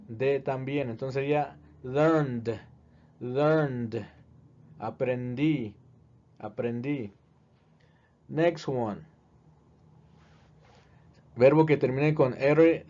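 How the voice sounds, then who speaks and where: A man teaching in a video lesson, speaking slowly and deliberately and repeating each word as a drill. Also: medium pitch, a little mellow. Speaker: English teacher. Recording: dull, lo-fi recording.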